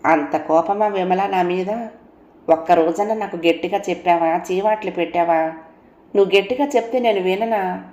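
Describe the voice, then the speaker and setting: A woman voicing a remorseful young husband who slowly begs his wife to forgive him. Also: lowish voice, a little mellow, echoey room, lo-fi sound, lightly acted. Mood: pleading.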